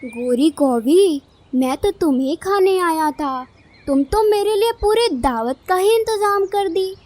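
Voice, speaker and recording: A woman plays a menacing cartoon eagle, a male villain who gloats and threatens his prey. The voice sits very high and squeaky for a bird of prey. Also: expressive, measured pace, darkish tone.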